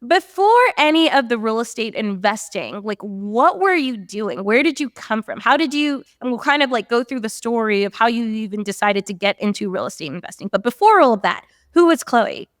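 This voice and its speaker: A woman's voice: a little high, lively intonation, brisk, hardly any pauses, no room sound, clean studio sound. Bubbly young woman podcast host. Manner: bubbly, gushing, laughs often. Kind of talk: casual podcast interview.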